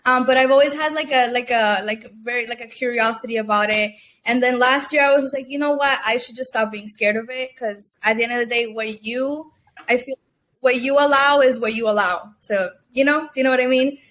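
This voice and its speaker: Young woman from Cuba, interview guest, a little high-pitched, chatty with lots of fillers and restarts. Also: a little fast, fairly bright tone. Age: young adult. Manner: chatty, many fillers and restarts, laughs often. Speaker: guest entrepreneur. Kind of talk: casual interview chat.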